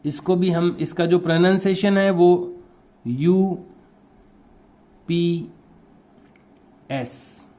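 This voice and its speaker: With a high-pitched, slightly mellow voice that barely moves in pitch, a male teacher with a Rajasthani Hindi accent speaks at a moderate pace. He teaches young pupils patiently, repeating terms and spelling words out one letter at a time.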